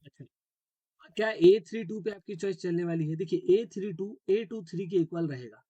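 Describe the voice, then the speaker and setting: A man lectures a math class with a slightly high, mellow voice. He walks through each step and keeps checking that his students follow. The sound is dry and close. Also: moderate pace, slightly rough, no room sound. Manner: explains step by step, checks understanding often; mixes English terms into Hindi. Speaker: math teacher.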